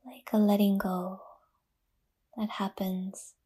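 A woman guides a yoga nidra meditation in a soft, dark, breathy half-whisper. Her phrasing is unhurried with generous pauses, her pitch medium with little movement.

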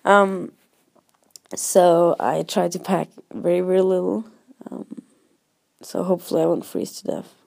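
A woman travel vlogger, a non-native English speaker, talks casually and hesitantly to her followers in a gravelly voice, hoarse from a cold. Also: on the low side, fairly even intonation, unhurried, pauses often, darkish tone, no room sound, studio quality. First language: not English. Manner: informal, rambling, hesitant.

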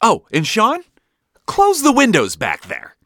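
A man's voice: high voice, wildly swooping pitch, slow pace, no room sound, clean studio sound, voice pushed up, exaggerated voice. A man playing a stressed dad barking. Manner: loud, shouted commands. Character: stressed middle-aged dad barking orders.

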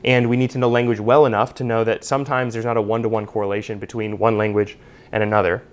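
A man's voice: on the low side, flat delivery, fast talker. A man teaching a Bible study class in a conversational way, with lots of "you know" and "uh". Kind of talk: unscripted teaching talk.

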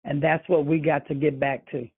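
A woman calling into a group call, speaking slowly and deliberately, her voice muffled as if heard through a wall. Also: low-pitched, flat delivery, very noisy. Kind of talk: casual spiritual discussion. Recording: muffled, distant phone line.

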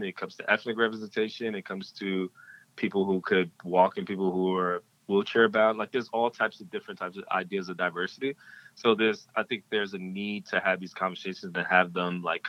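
A man with a low voice and a bright, forceful edge talks through his ideas as a podcast guest. He circles back, restarts, and fills pauses with "um" and "like." The recording sounds a little dull. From Ghanaian-American. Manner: reflective, with many fillers and restarts. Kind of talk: casual interview talk.

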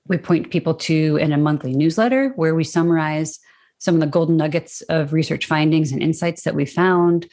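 A woman with a low voice talks through her work as a podcast guest. She sounds upbeat and enthusiastic, and she rambles a little with frequent restarts. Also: darkish tone. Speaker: content strategy guest. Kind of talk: conversational interview answers.

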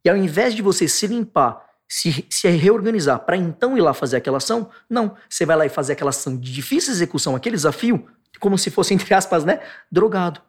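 Husky-voiced Brazilian man, animated explainer. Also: fast, few pauses. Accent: Brazilian Portuguese. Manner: animated, acts out angry outbursts in sharp bursts; drops to a soft, low tone for calm points. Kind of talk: explanatory talk on stress and anxiety.

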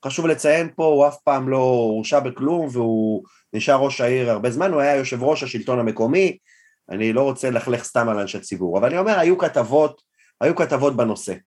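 Young male comedian telling a story. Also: medium pitch. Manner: animated, self-deprecating storyteller who acts out quotes. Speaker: guest comedian. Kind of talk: casual storytelling in a podcast interview.

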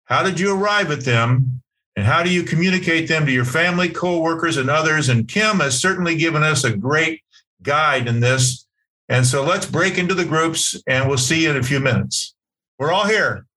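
Guy hosting a faith group call, upbeat and encouraging, bright voice, kinda high pitched. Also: poor audio. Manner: warm-hearted, encouraging, with fillers and restarts. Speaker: host. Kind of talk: hosting a faith video meeting. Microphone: video call.

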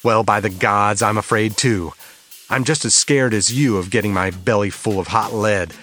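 A man's voice: on the low side, moderate pace, fairly bright tone, soft background music, lightly acted. A man voicing an angry, tough young detective, snapping with rage. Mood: furious. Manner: snapping, raging, contemptuous.

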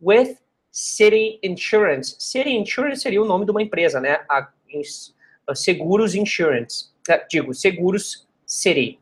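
A woman, teaching an English lesson and slowly repeating each phrase with chatty asides. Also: on the low side, lively intonation, slightly rough. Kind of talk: explaining an online language lesson.

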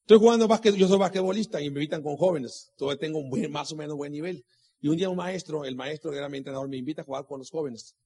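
Middle-aged male motivational speaker, husky and preachy, heavy on rhetorical questions and repetition. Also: on the high side, very fast, mellow. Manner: preachy, asks rhetorical questions and repeats key lines; tells personal anecdotes. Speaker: motivational speaker at a business meeting. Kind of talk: motivational talk to a live audience.

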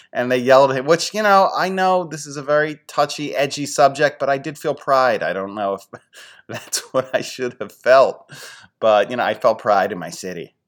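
A man in his forties from the Philadelphia area hosts a podcast in a casual, rambling way. He tells self-deprecating stories at a medium pitch and gets animated when he quotes his friends. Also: moderate pace. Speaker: podcast host. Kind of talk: casual storytelling monologue.

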